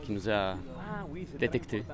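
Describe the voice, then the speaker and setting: A man's voice: fairly low pitch, steady tone, a little slow, a crowd in the background. A man speaking informally as a workshop organiser, explaining things step by step with some hesitation. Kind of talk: casual spoken explanation. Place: outdoors in town.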